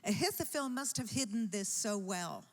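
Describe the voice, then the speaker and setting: A woman preaching a sermon in a church, telling a story slowly and with rising emphasis. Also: mid-range voice, expressive. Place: church sanctuary. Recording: long church-hall reverb.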